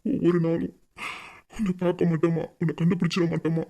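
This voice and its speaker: A man's voice: a little high, level tone, fairly quick, dark tone, lightly acted. A man voicing a young man who pleads for his lost love in an earnest audio drama monologue. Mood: longing.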